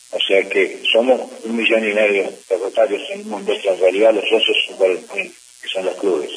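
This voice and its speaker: A middle-aged man, a district governor of a service club, answering press questions in a measured way with frequent hesitations. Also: low-pitched. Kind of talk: press interview. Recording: distant mic with faint hiss.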